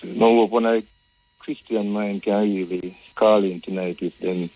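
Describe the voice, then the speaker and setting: A husky Jamaican man speaks in Rasta speech as a radio caller. His voice sits fairly low, and he repeats himself while building an argument. The sound is dry and close. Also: fairly even intonation, measured pace, mellow, no echo, low-quality recording.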